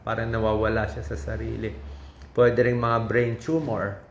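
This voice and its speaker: Lively man talking health, echoey room. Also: fairly low pitch, moderate pace, vocal fry. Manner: lively, stresses each numbered point, asks rhetorical questions. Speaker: doctor giving health advice. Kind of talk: informal medical talk. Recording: echoey room with faint ambience.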